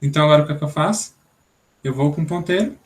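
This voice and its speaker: Young man from Brazil, programming instructor, raised pitch, patient, thinks aloud. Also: rapid-fire. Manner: explanatory, thinks aloud, many "né?" tags. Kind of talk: online programming class.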